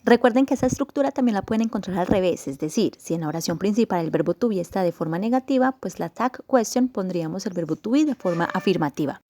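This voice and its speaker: A woman teaching an English grammar lesson in Spanish, explaining patiently step by step and slowing down to model example sentences. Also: mid-range voice, animated, mellow.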